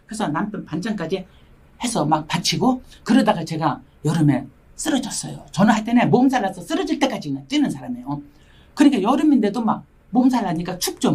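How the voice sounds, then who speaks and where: A woman's voice: mid-range voice, breathy edge. An older woman, a missionary, giving an emotional testimony sermon and acting out the voices of the people in her story. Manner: animated storytelling, acts out quoted voices.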